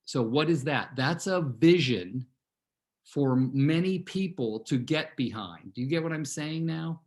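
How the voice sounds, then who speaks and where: A man in his sixties from California, who leads a real estate team, rambles through a personal story on a team video call, often speaking directly to his listeners. He has a fairly high voice with lively intonation and a measured pace.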